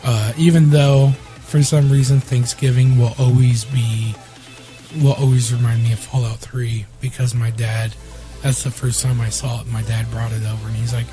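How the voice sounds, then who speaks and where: A man's voice: mid-range voice, little pitch movement, moderate pace, warm tone, faint music behind. A young man with a strained voice from illness, co-hosting a casual chat and telling stories in a rambling, profane way. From Iowa. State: sick, strained voice. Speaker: podcast co-host.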